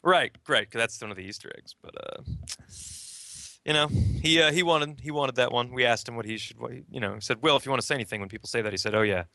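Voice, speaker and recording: A man talking as a game developer guest in a casual interview, animated and explaining. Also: medium pitch, fast talker, gravelly, no echo, clean studio sound.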